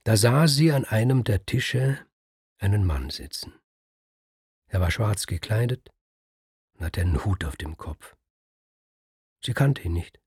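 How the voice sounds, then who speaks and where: A man reading a story aloud in a calm, measured way. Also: fairly low pitch, slightly rough, no room sound, clean studio sound. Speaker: narrator.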